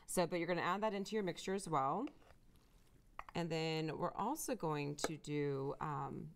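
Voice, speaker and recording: A woman with a lowish voice demonstrates a recipe on TV. She talks conversationally as she works, with plenty of fillers along the way. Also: moderate pace, slight background noise. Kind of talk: cooking demonstration.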